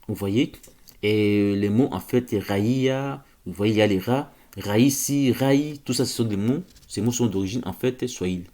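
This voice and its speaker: Man, mid-pitched voice, informal lecture, hesitant repetitions, insistent stresses. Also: dark tone. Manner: hesitant, repeats words, often asks "vous voyez?"; insistent, stresses key words. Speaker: religious lecturer. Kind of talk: informal spoken lecture on word origins.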